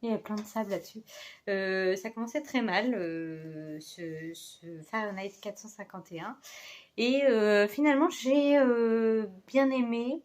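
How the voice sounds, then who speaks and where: A woman's voice: mid-range voice, unhurried, a little mellow. A woman talking casually into a phone as a book vlogger, hesitant, with many fillers and self-corrections. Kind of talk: casual chat. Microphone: phone held in hand.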